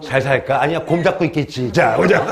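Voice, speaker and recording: Over crowd noise, a man with a fairly high, gravelly voice lectures a history class at a moderate pace. He jokes with the students and poses questions that he then answers himself.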